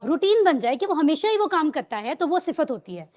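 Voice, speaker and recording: High-voiced woman teaching grammar. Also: big pitch swings, a little mellow. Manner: patient quizzing, drills words with students; mixes English words into explanations. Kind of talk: online Arabic grammar lesson.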